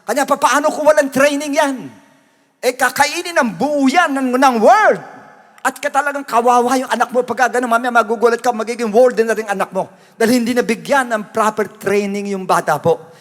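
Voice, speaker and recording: A man's voice: very high-pitched, fairly quick. A man preaching a sermon as pastor, emphatic and repetitive, often calling out to his brothers and sisters. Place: church. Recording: long reverb of a church hall.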